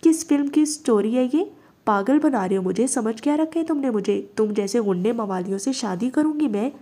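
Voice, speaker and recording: A woman reading the part of a proud, sharp-tongued young woman, speaking indignantly. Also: on the high side, lively intonation, moderate pace. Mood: furious. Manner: indignant, scolding.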